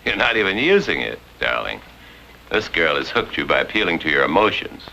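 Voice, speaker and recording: A dry, sardonic writer. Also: male voice, deep voice, big pitch swings, brisk, vocal fry, bright, forceful tone, a little hiss or hum, heavily acted, low-quality recording. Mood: skeptical. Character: skeptical male writer, Maggie's sweetheart. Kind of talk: 1950s television drama acting.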